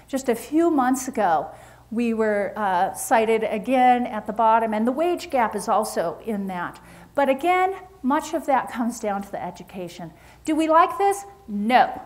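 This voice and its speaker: A woman presenting research at a forum, talking through slides in an animated, emphatic way with frequent restarts. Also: a little high. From Utah.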